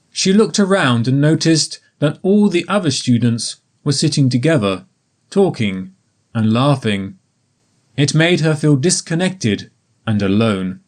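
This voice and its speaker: Slow, careful male storybook narrator. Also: mid-range voice. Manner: slow, careful, evenly paced reading. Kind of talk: slow graded-reader narration for English learners.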